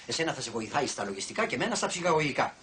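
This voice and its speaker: An actor playing a lecherous, boastful company director, bossy and teasing, in an old comedy film. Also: male voice, medium pitch, very animated, a bit bright, slight background noise. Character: lecherous boastful middle-aged male boss. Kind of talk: 1980s film comedy acting.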